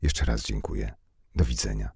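A man voicing a frightened young woman outsider in an audiobook, speaking quietly and politely. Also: a bass voice, moderate pace, creaky, breathy edge, no echo, clean studio sound, voice pushed down, heavily acted. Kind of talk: audiobook character voice.

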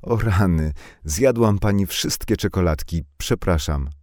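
Chatty and blunt, this young village woman rattles on in slangy, impulsive bursts, put on by a man. Her voice is lifted above the reader's very deep, dark tone. Dry, close storybook recording. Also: unhurried, no echo.

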